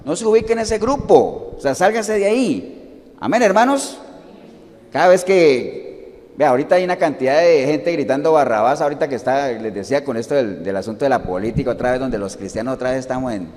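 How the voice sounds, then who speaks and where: A man's voice: medium pitch, lively intonation, a little fast, a little mellow, in a large hall. A man preaching as a pastor, asking his congregation questions and answering them himself, sometimes acting out the voices in his stories. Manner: acts out quoted voices within the teaching. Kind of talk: sermon.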